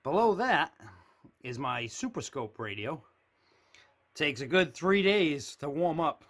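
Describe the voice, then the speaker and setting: This hobbyist walks viewers through his radio room, filming handheld as he points out shelves of CB gear without a script. His pitch is on the high side and fairly bright, and he takes his time while staying expressive. The talk itself remains plain and matter-of-fact.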